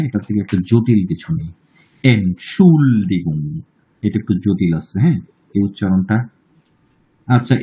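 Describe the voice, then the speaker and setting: A man with a Bangladeshi accent teaching an online German class, drawing out words slowly and checking in with students often. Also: mid-range voice, mellow, low-quality recording. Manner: slow, drawn-out model pronunciations, checks in often.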